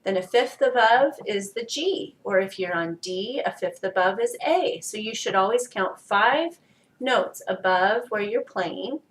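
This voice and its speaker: Patient woman teaching music, slow and echoey. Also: medium pitch, recorded from a distance. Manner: patient, explains step by step. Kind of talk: children's music lesson.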